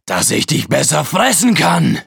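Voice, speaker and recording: Lady putting on a super deep husky wolf, sly and creepy, slow drawl, dry sound. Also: sing-song, dry recording, full character voice. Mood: menacing. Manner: slow, coaxing and sinister. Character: sly hungry male wolf, scheming.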